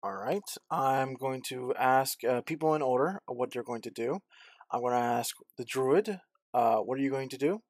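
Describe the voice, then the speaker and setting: A man's voice: mid-range voice, normal speed, no room sound, clean studio sound. A man acting as game master of a tabletop role-playing game, prompting players in an easygoing way with lots of fillers. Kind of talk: running a tabletop game over voice chat.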